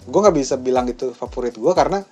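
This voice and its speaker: A young man talks casually about his studio gear. His speech is loose and slangy and often breaks into laughter. His voice sits at an ordinary middle pitch. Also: lively intonation, fast, darkish tone, breathy edge, dull audio, faint music behind. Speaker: music producer and studio owner. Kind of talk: casual studio-tour chat.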